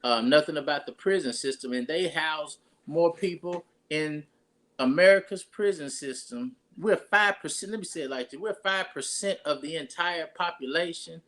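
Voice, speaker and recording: A man's voice: a little high, moderate pace, fairly bright tone. A pastor, talking casually and rambling through his introduction of a guest with many restarts.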